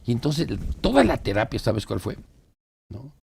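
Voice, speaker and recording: A man's voice: mid-range voice, big pitch swings, moderate pace, creaky, darkish tone, slight background noise. A man, a psychologist explaining ideas through anecdotes, acting out the quoted dialogue and tagging rhetorical "¿no?". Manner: storytelling, acts out quoted dialogue, asks rhetorical "¿no?". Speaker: psychologist guest.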